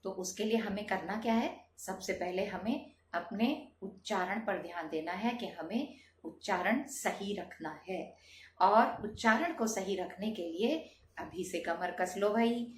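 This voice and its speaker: A woman's voice: mid-range voice, a little slow, roomy sound, a little hiss or hum. A woman teaching a Hindi lesson to students, calling them children and asking rhetorical questions.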